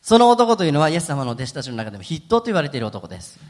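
A man pastor preaching a sermon in a gentle, conversational way with frequent fillers. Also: a little high, big pitch swings, racing, in a large hall.

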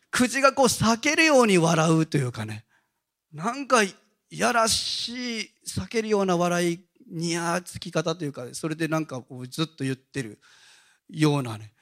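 A male pastor giving a Sunday sermon, telling stories in a casual, animated way. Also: sits high. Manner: animated storytelling with casual asides.

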